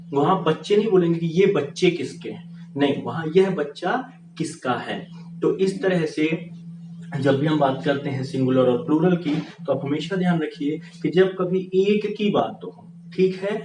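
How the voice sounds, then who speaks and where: A man gives an English grammar lesson, posing questions and then answering them himself. His voice sits a little high. He is recorded from a distance in an echoey room, with a steady hiss of noise behind him. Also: measured pace. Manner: explains by asking questions and answering them himself, often says "ठीक है". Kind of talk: classroom-style grammar lesson.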